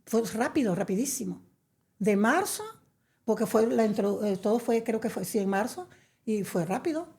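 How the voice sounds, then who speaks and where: Gravelly, mellow-voiced middle-aged woman. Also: a little high, animated, normal speed. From Venezuela. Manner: chatty, warm storytelling with many fillers. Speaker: interview guest. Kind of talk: conversational interview.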